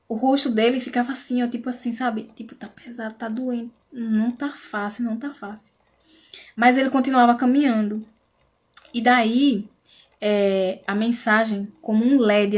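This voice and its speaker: A woman hosting a casual devotional live stream, talking intimately with soft asides and fillers. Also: fairly high pitch. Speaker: live-stream host sharing a devotional book.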